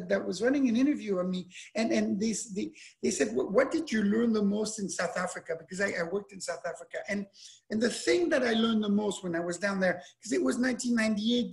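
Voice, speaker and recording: A man in his forties who grew up in Switzerland, a winemaker talking casually over a webcam, animated and given to repeating words. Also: sits high. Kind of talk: casual talk over video call. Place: indoor room with wine bottles and shelves. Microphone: webcam at close range.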